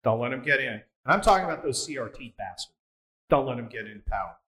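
A man's voice: medium pitch, lively intonation, fast, bright, forceful tone, low-quality recording. A man hosting a casual sit-down interview, blunt and provocative, rambling with frequent restarts. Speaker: podcast host.

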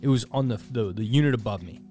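A man's voice: on the low side, fast talker, mellow, soft background music. A man co-hosting a podcast, telling a story in an earnest, reflective way. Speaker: podcast co-host. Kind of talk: casual chat.

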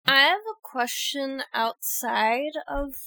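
A woman playing a tabletop game, asking practical questions in a measured way. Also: sits high, lively intonation, creaky, crowd noise. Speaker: player. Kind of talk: casual tabletop play.

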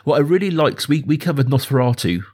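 A man in his thirties hosts a relaxed film podcast, his voice a little high and darkish, swinging widely in pitch as he talks fast. He's enthusiastic and emphatic, driving his points home through repetition.

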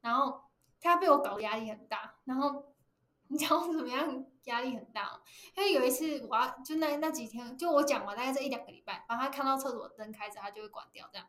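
A woman with a Taiwanese Mandarin accent, co-hosting a podcast in casual chat, telling animated stories and laughing often. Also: high voice, fast, reverberant. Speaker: podcast co-host.

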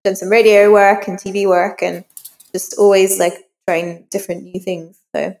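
This author has a medium-pitched, darkish voice that moves little in pitch and keeps a moderate pace. She's an interview guest speaking openly and informally, musing as she talks, and the casual conversation carries a long room reverb.

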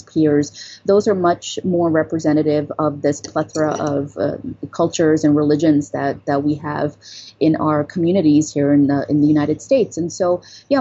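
Middle-aged woman guest, dark mellow tone, thoughtful and measured, slightly muffled lo-fi sound. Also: low-pitched, husky. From Pakistan, raised in New York. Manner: thoughtful, measured, with frequent fillers. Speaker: guest, psychology professor. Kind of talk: interview answers.

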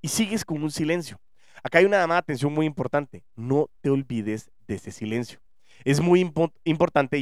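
A man with a Guatemalan Spanish accent hosting a podcast, earnestly explaining ideas straight to the listener with lively shifts in emphasis. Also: mid-range voice, clean tone, no room sound, clean studio sound. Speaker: podcast host. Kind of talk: motivational teaching monologue.

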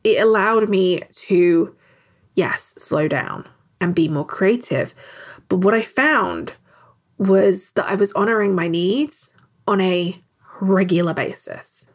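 A woman's voice: mid-range voice, slow. A woman hosting a solo podcast, talking candidly and conversationally, swearing casually now and then. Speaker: podcast host. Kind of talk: reflective solo podcast talk.

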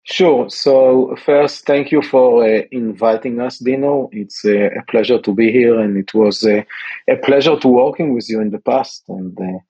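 A man's voice: medium pitch, moderate pace, warm tone, breathy edge, no room sound, highs cut off. A man who founded a company and works as a scientist, answering interview questions in a hesitant way with many fillers. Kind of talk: interview guest.

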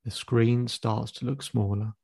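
A man acting as a therapist, leading a guided visualization exercise in a slow, calm, instructive way and counting the listener in. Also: medium pitch, vocal fry, husky, dry recording, studio quality. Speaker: therapist guiding a client.

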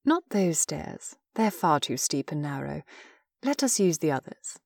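A man's voice: a little high, very animated, measured pace, creaky, a little mellow, dry recording, clean studio sound, heavily acted. A man reading a story, voicing a gracious and scheming female empress with regal, polished speech. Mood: gentle, gracious.

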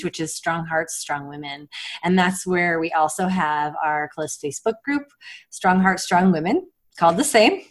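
Chatty laughing woman guest. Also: lowish voice. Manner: chatty, laughs often, sarcastic humor. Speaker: guest, mother of several children. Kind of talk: casual podcast interview.

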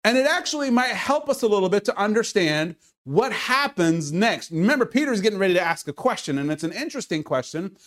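A man preaching a sermon in an earnest, conversational way, now and then calling out loudly. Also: high-pitched, big pitch swings, a little fast, few pauses. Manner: earnest, conversational preaching with sudden loud calls. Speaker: pastor.

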